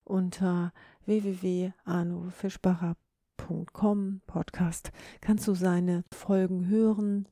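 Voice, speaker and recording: Dark, gravelly woman hosting a podcast. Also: on the low side, no echo, clean studio sound. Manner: instructive, demonstrates word stress on example sentences. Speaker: podcast host. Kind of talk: solo podcast monologue.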